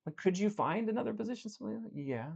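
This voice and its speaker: A man's voice: high-pitched, fast talker, gravelly, breathy edge, muffled recording. A man speaking as a life coach in an earnest, direct motivational talk, telling a story from his work. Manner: earnest, direct, swings between animated and quiet.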